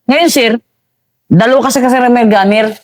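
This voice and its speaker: A man, an army veteran, recounting combat in a casual interview, halting and calling the host "sir" again and again. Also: very high voice, no room sound.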